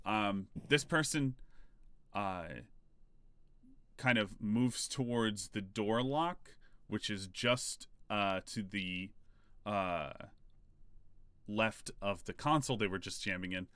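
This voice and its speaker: Laid-back guy running a tabletop game, slow and halting, super dry close sound. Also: lowish voice, fairly bright tone, smooth, dry recording. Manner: laid-back, halting narration with frequent pauses. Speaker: game master. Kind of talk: narrating a tabletop role-playing game.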